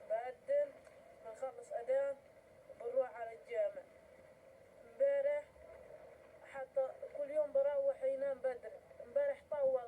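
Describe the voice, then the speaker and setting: A man's voice: very high voice, phone-quality sound, a little hiss or hum. A young boy with a Gazan Palestinian accent, answering questions in a street interview.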